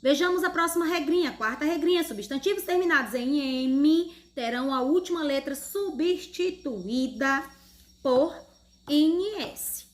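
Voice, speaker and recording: Patient Brazilian teacher, higher voice. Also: female voice, brisk, few pauses. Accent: Brazilian Portuguese. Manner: patient, explains step by step, asks questions. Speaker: primary school teacher. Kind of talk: online grammar lesson for children.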